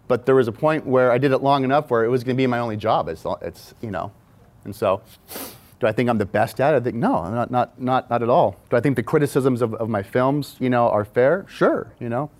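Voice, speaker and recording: A man's voice: medium pitch, fairly quick. Rambling man telling a story. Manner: rambling, with frequent restarts and repeated words. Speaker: music video and film director, guest. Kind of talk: casual anecdotal storytelling.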